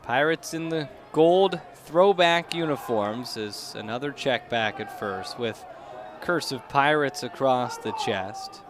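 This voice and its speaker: A young man narrates a live baseball game at an outdoor ballpark, speaking slowly in an expressive, mid-range voice. Crowd noise and the noisy outdoor ambience surround his play-by-play.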